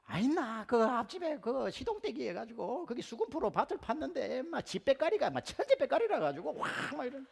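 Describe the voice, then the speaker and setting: A man voicing a group of middle-aged countrywomen, aunts from the provinces, who chatter loudly in thick Gyeongsang dialect. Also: extremely high pitch, big pitch swings, vocal fry, husky, voice pushed up, full character voice. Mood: gossiping. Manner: rapid, loud, overlapping village chatter.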